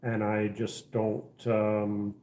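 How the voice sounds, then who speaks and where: A middle-aged man from the Czech Republic talks casually to his livestream viewers from his house. His voice is mellow and dark, and he rambles through plenty of ums and false starts. The room around him is echoey. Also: lowish voice, completely flat delivery, very slow. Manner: rambling, many fillers and restarts. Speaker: livestream host. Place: house interior.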